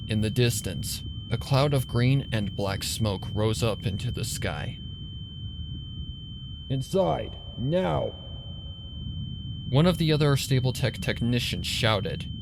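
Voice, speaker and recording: A man with a mid-range voice narrates a story in a dramatic, suspenseful, theatrical scripted style. Loud ambient sound effects play over his voice, along with background noise.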